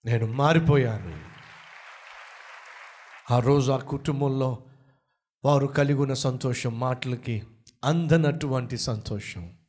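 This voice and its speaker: A man's voice: mid-range voice, takes it slowly, long pauses, a little mellow, some chatter behind. A male pastor preaching a sermon, telling a story dramatically and acting out the quoted dialogue. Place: church pulpit.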